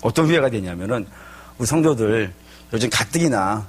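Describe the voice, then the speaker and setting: A male pastor preaching a sermon, telling stories in an animated way and asking rhetorical questions. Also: on the low side, normal speed, slightly rough.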